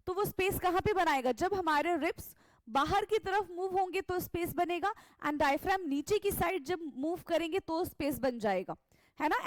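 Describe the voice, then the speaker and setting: A woman's voice: very high voice, dry recording, studio quality. A woman teacher, going over quiz questions step by step and calling the students "beta". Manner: slow and deliberate, code-switching between Hindi and English, calls students "beta".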